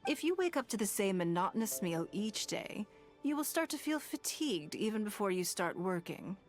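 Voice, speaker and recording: Speaking at a medium pitch in a natural, very animated voice, an actress performs scripted game dialogue as a poised, wealthy woman leader. The character is commanding and courteous, with dry teasing, and the delivery is formal, measured and eloquent with dry wit. Music plays beneath her gracious, relaxed tone.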